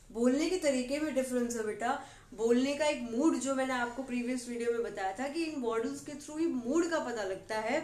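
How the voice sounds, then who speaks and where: A woman English teacher giving a classroom grammar lesson, explaining in Hindi and reading English example sentences slowly, often checking with "ठीक है". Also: high-pitched. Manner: keeps asking questions and says "ठीक है" often. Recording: roomy with faint background noise.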